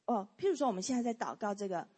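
A woman's voice: medium pitch, animated, very fast, warm tone, breathy edge. A woman teaching a church class on prayer, leading the group through points and often saying "好" and "哈". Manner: leads group reading, frequent "好" and "哈" fillers. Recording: long hall reverb.

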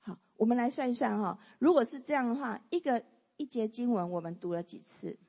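A woman's voice: on the high side, brisk, creaky, dark tone, slightly rough. A woman teaching a church class on prayer, leading the group through points and often saying "好" and "哈". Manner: leads group reading, frequent "好" and "哈" fillers. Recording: long hall reverb.

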